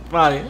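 A man's voice: fairly high pitch, background noise. Teasing Brazilian man, podcast co-host. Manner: teasing, laughs often. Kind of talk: casual podcast chat, reading listener comments.

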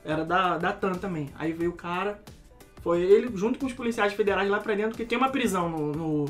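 Man from Rio, quick, animated storyteller, faint music under him. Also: high-pitched. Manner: lively storyteller, acts out scenes. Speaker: former airport security worker telling stories. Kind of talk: casual podcast chat.

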